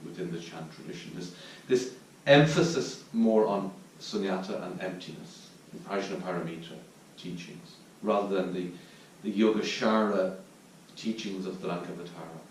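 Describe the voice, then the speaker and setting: An Irish Zen teacher gives a dharma talk at a retreat in a meditation hall, speaking at a normal speed with hardly any pauses. His manner is reflective and low-key as he searches for words. A distant mic picks him up in a very echoey room with faint noise.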